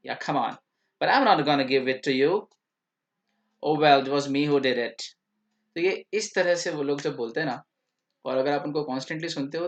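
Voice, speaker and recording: A male teacher giving a recorded lecture. He explains things and switches between Hindi and English mid-sentence. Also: fairly high pitch.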